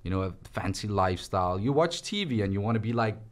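A young man with a low voice talks through his story in a relaxed, chatty way. He gestures freely as he speaks in a small indoor podcast studio. His voice is picked up close by a studio microphone on a stand. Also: fast talker. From Switzerland. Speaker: guest. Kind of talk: casual interview conversation. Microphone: studio mic on stand.

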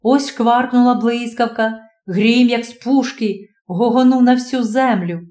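A woman narrating a classic story as an audiobook, expressive and dramatic. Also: fairly high pitch, measured pace. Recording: roomy echo.

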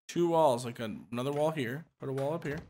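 A man's voice: medium pitch, fairly quick, dark tone, a little hiss or hum. A man hosting a gaming channel, giving casual gameplay commentary with joking instructions and frequent laughter.

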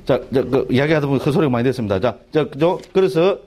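A middle-aged monk with a Gyeongsang Korean accent gives a chatty class lecture on a Buddhist text, talking fast in a medium-pitched, slightly mellow voice with lively intonation. He keeps asking the class "right?" and starting his sentences over.

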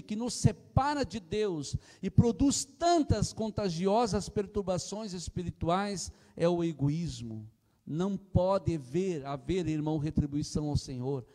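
An older man with a Brazilian Portuguese accent preaches with passion, pressing his points and calling out to the congregation. His voice sits fairly high for a man. He speaks into a handheld mic, and the church hall rings with a long reverb. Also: mellow. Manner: impassioned preaching, often calling the congregation "irmãos", retelling anecdotes. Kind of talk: sermon. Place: church platform indoors.

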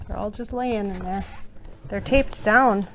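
A woman's voice: medium pitch, measured pace, noisy background. A woman hosting a plant vlog, chatting casually and joking about herself as she unboxes a delivery at home. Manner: chatty, thinks aloud, self-mocking jokes. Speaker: plant channel host.

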